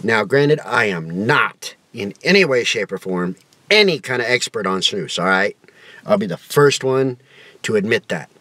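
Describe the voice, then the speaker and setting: A man's voice: lowish voice, lively intonation, moderate pace, sharp tone, no echo. A man talking with his lip full of dip, giving a folksy, rambling casual review to camera. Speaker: product reviewer.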